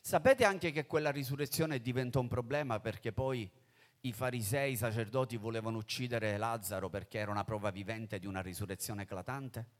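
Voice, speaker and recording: A man preaching a sermon in a dramatic way, swinging between loud, urgent phrases and hushed ones. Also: mid-range voice, fairly quick.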